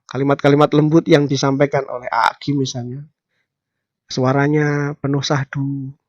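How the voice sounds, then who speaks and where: A man with an Indonesian accent teaching preaching skills, stressing key terms with louder, higher bursts. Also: dry recording, dull audio. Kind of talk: instructional talk.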